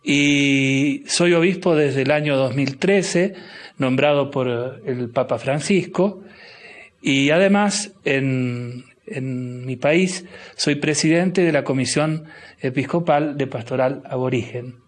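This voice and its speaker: Middle-aged Argentine man, bishop guest, unhurried and reflective, mid-pitched voice. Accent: Argentine Spanish. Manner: slow, thoughtful, with frequent restarts and fillers. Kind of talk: interview guest.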